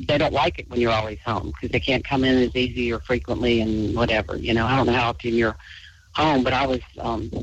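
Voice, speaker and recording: A man's voice: mid-range voice, a little hiss or hum. A man hosting a late-night call-in chat, talking in a rambling way with many restarts. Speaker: host. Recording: dull lo-fi audio.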